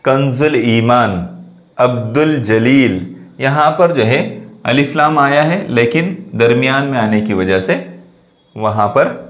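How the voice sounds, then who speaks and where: A male teacher gives a classroom grammar lesson at a mid-range pitch. He poses questions and answers them himself, going over the key points again. The voice rings in an echoey room. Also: expressive, unhurried, fairly bright tone.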